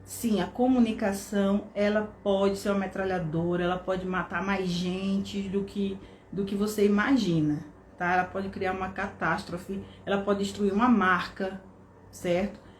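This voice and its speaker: A woman's voice: medium pitch, steady tone, a little slow. A woman with a Brazilian Portuguese accent teaching an online course, explaining step by step and often checking in with tag questions. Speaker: course instructor. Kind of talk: online lesson. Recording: echoey room with faint background noise.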